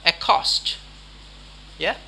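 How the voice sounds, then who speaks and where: A man teaching English vocabulary in a lesson, repeating each word slowly and quizzing the listener. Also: pushed and bright, slight background noise. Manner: slow, repeats words deliberately, quizzes the listener.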